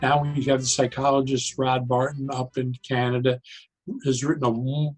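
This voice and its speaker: A psychologist and self-described joyologist, interviewed as a guest, explains his ideas conversationally in a deliberate, halting manner, repeating key phrases. His medium-pitched voice has a breathy edge, and the recording is rough.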